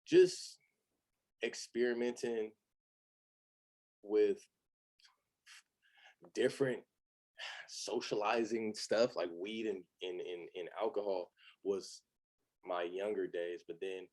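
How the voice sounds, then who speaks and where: A man's voice: lowish voice, fairly even intonation, takes it slowly, long pauses, a little mellow. A man from Los Angeles in his thirties, a podcast guest talking candidly in a loose, rambling way with many fillers. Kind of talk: casual chat.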